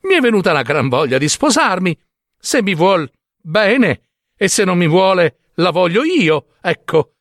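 A man voicing a cheerful, foolish young man who calls out eagerly in a raised, excited voice, in a read-aloud fairy tale. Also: normal speed, vocal fry, no echo, studio quality. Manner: shouting eagerly, high and excited.

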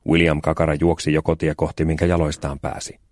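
A man narrating a children's audiobook in a calm, even storytelling voice with deadpan timing. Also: extremely low pitch, no room sound, clean studio sound. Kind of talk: scripted narration.

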